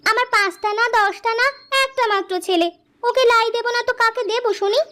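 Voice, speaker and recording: A woman's voice: very high voice, steady tone, fairly quick, pushed and bright. A woman playing a doting village mother. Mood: pleading. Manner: pleading, indulgent. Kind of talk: cartoon voice acting.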